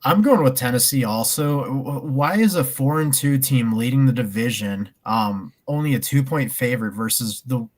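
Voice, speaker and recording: A man's voice: mid-range voice, moderate pace, few pauses. A man co-hosting a casual sports betting chat, rambling with frequent ums and restarts. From American Midwest. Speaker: podcast co-host.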